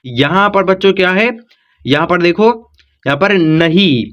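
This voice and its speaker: A man with a fairly high voice walks students through spelling one sound at a time, patient and repetitive. He checks in often to make sure they follow. The recording is dull and slightly muffled. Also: measured pace, a bit bright. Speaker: teacher. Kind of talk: step-by-step spelling lesson.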